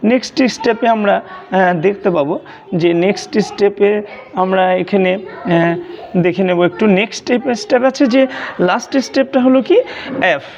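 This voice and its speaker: A teacher giving a video lesson on pronunciation, hesitating often and repeating words slowly to demonstrate them. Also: mid-range voice, darkish tone. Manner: hesitant, many filler sounds and restarts. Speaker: English teacher. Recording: dull lo-fi recording.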